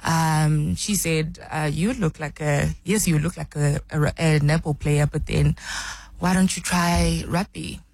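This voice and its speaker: A woman's voice: sits low, steady tone, measured pace, gravelly, darkish tone, no echo, rough recording. A young woman from South Africa, a rugby player, answering interview questions with many ums and restarts.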